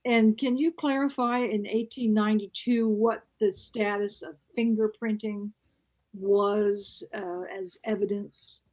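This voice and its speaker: A woman co-hosting a casual discussion, asking measured, precise questions. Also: mid-range voice, fairly even intonation, darkish tone, low-quality recording.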